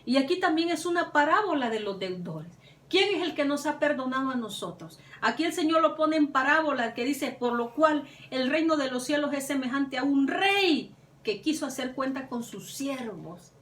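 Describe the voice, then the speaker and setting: Woman preaching a sermon, high voice, fervent, sounds roomy and a bit far from the mic. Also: lively intonation, moderate pace, a bit bright. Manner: fervent preaching, voice climbing on emphasized words. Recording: echoey room, mic at a distance.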